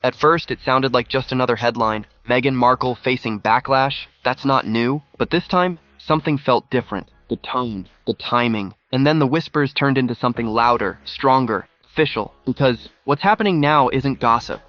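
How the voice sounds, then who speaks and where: A man's voice: medium pitch, moderate pace, hardly any pauses, no room sound, lo-fi sound. A man narrating a scripted news piece in short, dramatic phrases.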